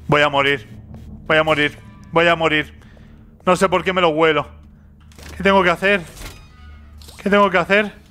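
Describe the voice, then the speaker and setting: A man's voice: on the high side, fairly even intonation, normal speed, long pauses, sharp tone, faint music behind. A young man from commentating a horror game, nervous, repeating phrases and talking to himself. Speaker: gaming youtuber.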